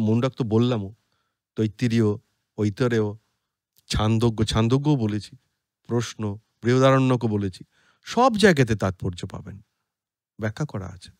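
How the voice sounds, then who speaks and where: Bengali man, spiritual podcast talk, very slow and measured, animated pitch, dry close sound. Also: no room sound. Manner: slow, deliberate, chanting Sanskrit verses. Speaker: podcast speaker on scripture.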